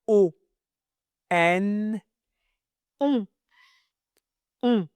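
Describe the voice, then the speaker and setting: Female reading teacher for young children, very slow and encouraging, dry close voice-over. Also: mid-range voice, a little mellow, clean tone, no echo. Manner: slow, syllable by syllable, repeating each sound.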